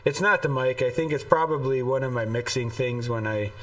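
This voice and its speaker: A man's voice: mid-range voice, fairly quick. A man co-hosting a casual live podcast, rambling and laughing often, his voice carrying an echoey, roomy sound over an online call. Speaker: podcast co-host. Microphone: desktop USB microphone through a mixer. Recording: distant echoey call audio.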